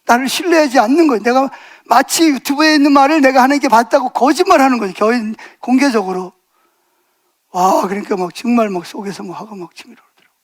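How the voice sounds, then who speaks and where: High-voiced older Korean pastor preaching. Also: male voice, fast. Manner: storytelling, rhetorical questions to the congregation, rising to emphatic outbursts. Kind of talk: sermon.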